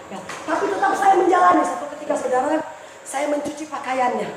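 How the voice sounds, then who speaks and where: A woman pastor preaching a fervent sermon that swings from shouts to soft, tearful tones. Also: high voice, lively intonation, fairly quick. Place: church. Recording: echoey church hall, mic far off, noisy.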